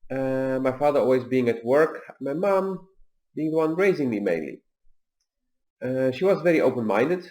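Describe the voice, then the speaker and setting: A man in his forties, raised in Tunisia, hosting a video and telling personal stories in a calm, measured way with pauses and fillers. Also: mid-range voice. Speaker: video host. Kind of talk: personal reflective talk.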